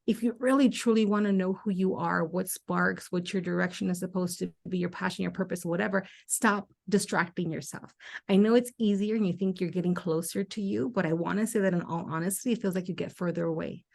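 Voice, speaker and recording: A woman's voice: on the low side, steady tone, brisk, gravelly, a little mellow. A woman hosting a podcast as a spiritual life coach, talking candidly and animatedly, swearing casually and acting out her own past reactions.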